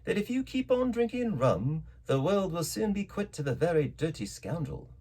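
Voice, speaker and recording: Storybook country doctor, played by a male reader: raised pitch, husky edge, calm, stern, unshakeable authority. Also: normal speed, full character voice. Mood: stern contempt. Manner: clear, steady, authoritative, rather high delivery.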